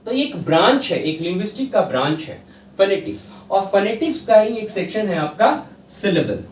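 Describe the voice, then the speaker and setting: A man's voice: high-pitched, big pitch swings, normal speed. A man teaching an exam-prep English class in mixed Hindi and English, explaining step by step and sounding out words syllable by syllable. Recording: roomy echo, distant mic, faint hiss.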